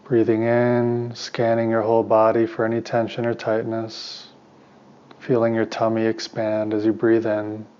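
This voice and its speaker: This is a meditation teacher and therapist, a man whose low voice guides listeners calmly and soothingly. He speaks very flatly and without hurry, leaving long pauses between brief instructions. The tone is clean, though the recording sounds slightly dull and muffled.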